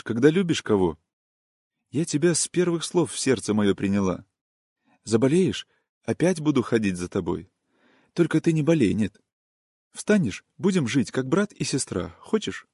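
A man voicing a tender, melancholy young peasant woman in an audiobook reading, with a soft, soothing, singsong manner. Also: mid-range voice, very animated, moderate pace, breathy edge, dry recording, studio quality, pitched above the performer's own voice.

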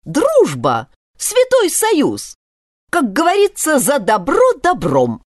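A woman's voice: sits high, huge pitch swings, slow pace, dry recording, clean studio sound, pitched above the performer's own voice, exaggerated voice. A woman voicing a cocky, scheming boy with a slingshot who boasts and bargains in a storybook reading. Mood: boastful. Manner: boastful, swaggering.

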